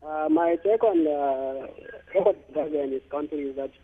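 A man's voice: a little high, moderate pace, breathy edge. A man calling in to a talk show on a speakerphone, sounding distant through the phone line and repeatedly asking whether he can be heard. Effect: speakerphone over a phone line. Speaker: caller. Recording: tinny distant speakerphone call.

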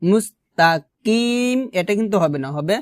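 A man teaching pronunciation for reciting a chapter of scripture. He draws out each word slowly, repeats single sounds, and corrects common mistakes. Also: sits high, no room sound, studio quality. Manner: slow drawn-out recitation, then quick explanations. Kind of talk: pronunciation lesson.

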